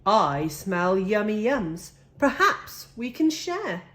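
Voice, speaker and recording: A woman's voice: medium pitch, big pitch swings, slow pace, fairly bright tone. A woman voicing a friendly, sociable storybook badger with an eager, inviting manner.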